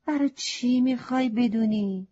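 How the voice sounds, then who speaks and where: A woman's voice: on the high side, dark tone, pitched above the performer's own voice, close to an everyday voice. A woman voicing a boastful talking male crow in a children's story, eager to show off, on a slightly muffled recording.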